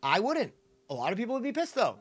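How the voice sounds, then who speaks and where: Game music plays as a young American woman streams, reacting to the story and her chat in casual, playful slang. Her slightly high voice swoops wildly in pitch and moves fast, with a slightly rough quality.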